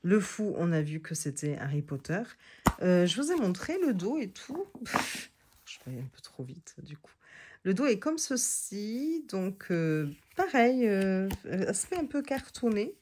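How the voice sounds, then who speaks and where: A woman's voice: mid-range voice, sing-song, a little slow, a little mellow, a little hiss or hum. A woman chatting casually as she reviews tarot decks, often hesitating and restarting, and reading card texts aloud. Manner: hesitant, many fillers and restarts. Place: seated indoors on a creaky chair.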